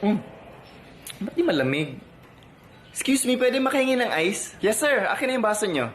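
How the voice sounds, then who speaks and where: Lively man acting out skits. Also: high voice, moderate pace, slight background noise. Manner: playful, switching between characters. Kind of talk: skit comedy acting.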